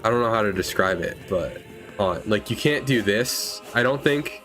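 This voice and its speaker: A man's voice: fairly low pitch, lively intonation, normal speed, a bit bright. A young man chatting casually while streaming a game, rambling and correcting himself as he talks. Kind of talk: casual gaming stream chat. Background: faint game music.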